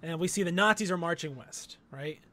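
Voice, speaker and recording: A middle-aged man co-hosts a podcast from a room at home, chatting casually and joking as he recaps, using a studio mic on a video call. His voice is a little high, a little fast, with a sharp tone.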